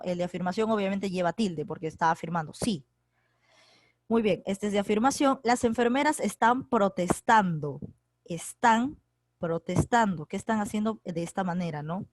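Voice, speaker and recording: A woman's voice: medium pitch, no room sound. A woman teacher giving an online grammar class, explaining step by step and checking in with her students. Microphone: computer mic on a video call.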